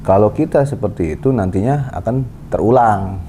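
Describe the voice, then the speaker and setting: Deep, mellow-voiced man explaining calmly. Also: normal speed. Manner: calm, explanatory, lecturing tone. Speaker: host. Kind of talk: casual parenting chat. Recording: faint background noise.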